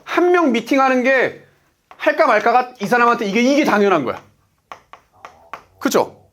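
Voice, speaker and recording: A business coach in his forties delivers an emphatic motivational lecture, answering his own rhetorical questions. His pitch is extremely high with big swings, his tone fairly bright, and his speed normal.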